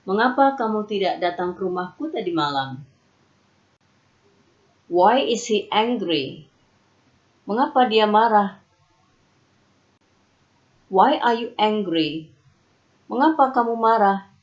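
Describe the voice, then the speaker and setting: A woman teacher reading English example questions slowly and carefully, each followed by its Indonesian translation. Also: mid-range voice, expressive. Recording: dull lo-fi recording.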